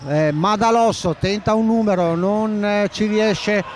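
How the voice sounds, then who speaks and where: A man doing live play-by-play commentary of a futsal match, excitable and often shouting as the action builds. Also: high-pitched, a little hiss or hum. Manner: excitable, shouts at key moments, names players rapidly.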